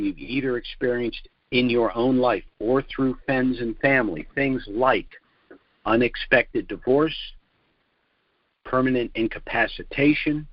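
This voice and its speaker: The host of this financial conference call is an older man, a financial trust consultant, giving a sales pitch that is deliberate, formal, and carefully phrased. Heard over muffled, lo-fi telephone conference audio, his mid-range voice has no echo.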